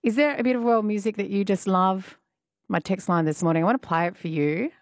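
A woman's voice: medium pitch, brisk, no echo, clean studio sound. An Australian woman hosting a radio show, chatting casually and upbeat with frequent fillers. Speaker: radio host. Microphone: studio microphone.

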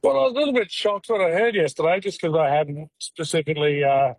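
A man talking over a patchy phone line from his car. He speaks haltingly, repeating words and using many fillers, as a guest on a radio interview. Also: a little high, slightly rough, no room sound. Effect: phone call from a moving car, dropping reception. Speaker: live cattle exporter, phone-in guest.

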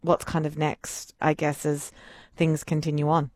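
Low-voiced woman interviewer. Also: level tone, no echo. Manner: gentle, measured questions. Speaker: radio interviewer. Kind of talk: radio interview.

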